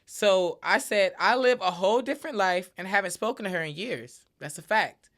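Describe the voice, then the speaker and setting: A woman hosts her own podcast in a casual solo monologue, talking emphatically and leaning on lots of repeated filler tags. Her voice is mid-range and fairly bright, delivered at a moderate pace.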